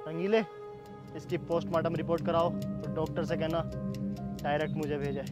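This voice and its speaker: A foul-mouthed cop with a short fuse, played by a man, barking orders and insults in a fairly high voice. He talks in a crude, bossy way. Clear background music runs under him. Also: little pitch movement, normal speed, close to an everyday voice. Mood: stern. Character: foul-mouthed hot-tempered male police officer. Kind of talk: comedy skit acting.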